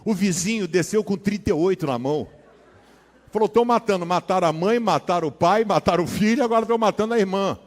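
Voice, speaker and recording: Animated Brazilian pastor in a reverberant hall. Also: male voice, high-pitched, fairly quick. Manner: animated, slangy, swings between hushed asides and loud dramatic bursts. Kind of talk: sermon with personal storytelling.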